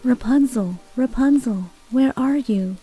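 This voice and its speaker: Earnest young storybook prince calling gently , voiced by a woman narrator; unhurried and soft-toned. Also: on the high side, faint music behind, voice pushed up, close to an everyday voice, rough recording.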